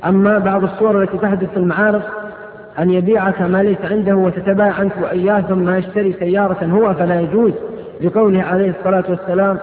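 A high-voiced man preaches at a religious question-and-answer lecture, reading each question aloud and answering fast with quick, firm rulings, his pitch barely moving. The audio is thin and tinny like a phone line, with a long echo from a large hall.

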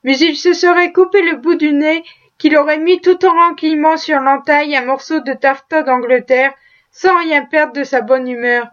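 Female audiobook narrator, high pitch, measured storytelling delivery, somewhat dull lo-fi recording. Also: steady tone. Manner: measured storytelling, lightly voicing characters. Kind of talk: audiobook reading of a classic tale.

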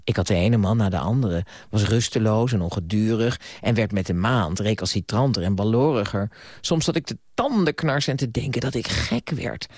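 A man reading an audiobook voices a sharp-tongued, headstrong young woman in a raised, haughty voice. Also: on the low side, expressive, moderate pace, dry recording, studio quality. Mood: animated.

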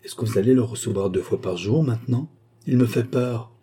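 A man voicing a frightened young chambermaid in an audiobook, speaking in a hurried, anxious way. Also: mid-range voice, dark tone, husky. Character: fearful young female chambermaid.

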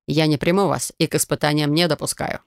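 A woman reading an audiobook and voicing a stern, dismissive male warlord with measured, clipped refusals in a dry, close sound. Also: sits low, steady tone, creaky, clear, resonant tone, dry recording. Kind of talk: audiobook narration.

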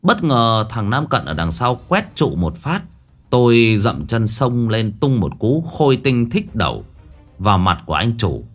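A man narrating a ghost story in the first person, with an animated, dramatic delivery. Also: mid-range voice, measured pace, soft background music.

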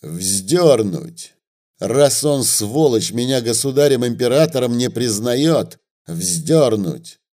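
Man playing drunk fat rebel boss, bellowing, slow and heavy, storybook. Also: on the low side, sing-song, warm tone. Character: drunk, fat, brutish male rebel chief.

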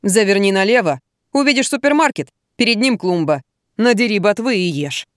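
A woman reading an audiobook, voicing a blunt, unbending middle-aged female buffet cook with a curt, gruff manner. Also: mid-range voice, animated, moderate pace, no echo, studio quality, close to an everyday voice.

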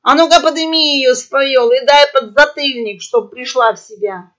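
A woman voicing a gruff boar pirate captain. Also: on the high side, measured pace. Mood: stern. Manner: barking orders, menacing. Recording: dull lo-fi audio.

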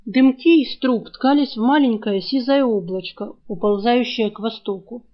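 A woman narrates an audiobook in an even storytelling manner. Her voice sits a little high, and the recording sounds dull and lo-fi. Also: normal speed. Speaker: audiobook reader. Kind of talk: scripted narration.

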